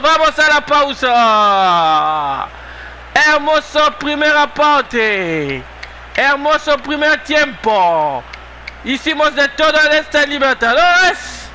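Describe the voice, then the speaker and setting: A man giving excited play-by-play football commentary of a video game match, given to shouted, repeated goal calls. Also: extremely high pitch, takes it slowly, a little hiss or hum.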